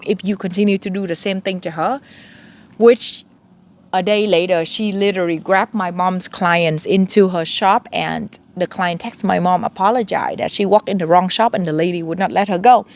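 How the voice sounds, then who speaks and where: A woman in her thirties giving earnest spiritual advice in a casual monologue, talking straight to the viewer. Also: mid-range voice.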